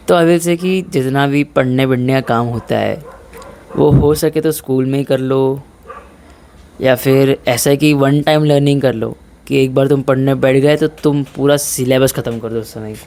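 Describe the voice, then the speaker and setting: A man's voice: medium pitch, fairly even intonation, a little slow, a little mellow. A young man giving casual, blunt advice on gym and studies, slipping English into his talk and calling his listeners brother. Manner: informal, mixes English in, says "bhai" a lot. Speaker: fitness vlogger.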